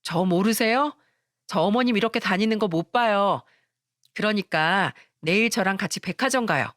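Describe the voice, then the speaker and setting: A woman's voice: normal speed, fairly bright tone, dry recording, clean studio sound, natural voice. A woman voicing a fawning, two-faced young daughter-in-law who talks in a sugary, fussy way. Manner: sugary and fussy, turns shrill when cornered.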